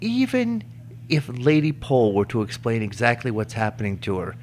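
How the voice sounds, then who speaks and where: A man's voice: mid-range voice, wildly swooping pitch, moderate pace, darkish tone, slight background noise. A man co-hosting a podcast, chatting casually about a TV series, laughing often and restarting sentences. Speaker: podcast co-host. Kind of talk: casual chat reviewing a TV series.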